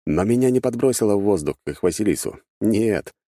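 A man narrating a first-person fantasy audiobook in a measured, wry manner. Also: lowish voice, expressive, warm tone, dry recording. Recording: dry close studio sound.

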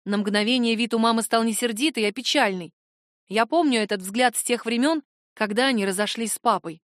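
Female audiobook reader, fairly high voice, expressive first-person storytelling. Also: brisk, dry recording, studio quality. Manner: expressive, confiding narration.

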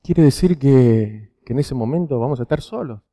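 A man's voice: medium pitch, expressive, moderate pace, mellow. A man preaching to teenagers with a Rioplatense Spanish accent, telling stories and often checking in with a rhetorical "¿sí?". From Argentina. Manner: storytelling, frequent rhetorical "¿sí?" checks. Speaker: youth preacher. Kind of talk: sermon to teenagers.

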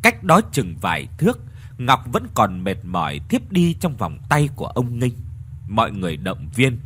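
A man narrating a horror story in an expressive, dramatic storytelling manner. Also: mid-range voice, moderate pace, a little hiss or hum.

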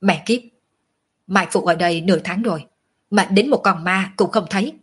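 Woman doing a bored male guard, grumbling, coarse, husky, storybook reading. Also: medium pitch, normal speed, a bit bright.

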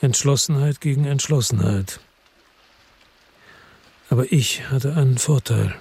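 In a radio crime drama with first-person narration, an actor plays an embittered, defiant male loner, speaking tersely, sardonically and evasively. His medium-pitched voice is a little slow, warm and husky, and the mood is bitter and brooding.

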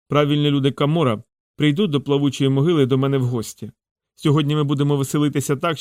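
A man's voice: fairly high pitch, dry recording, clean studio sound, natural voice. A man voicing a gloating, vengeful male crime lord in an audiobook, exultant and theatrical. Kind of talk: audiobook character reading.

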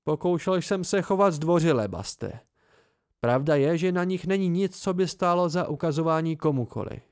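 A man voicing a weary, soft-spoken innkeeper in an amateur audiobook, with a raised, plaintive delivery. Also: a little high, clear, resonant tone, no echo, clean studio sound, pitched above the performer's own voice, close to an everyday voice.

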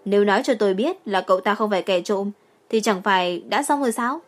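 A woman's voice: medium pitch, quick pace, faint music behind, lightly acted. A woman playing a brash, cocky young policewoman.

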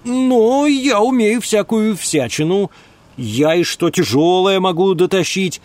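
Man voicing a young country lad, talkative, high pitched, lively, folksy rambling. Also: slow. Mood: eager. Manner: rambling folksy speech with filler sounds.

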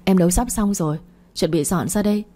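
A woman's voice: medium pitch, brisk, warm tone, natural voice. A woman voicing a shy young wife who speaks timidly and politely.

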